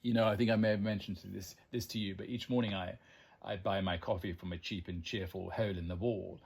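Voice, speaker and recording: Guy musing about words, low gravelly husky voice, rambles with lots of ums. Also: fairly even intonation, brisk, darkish tone. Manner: erudite, meandering, with frequent ums and asides. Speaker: language channel host. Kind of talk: reflective monologue to the listener.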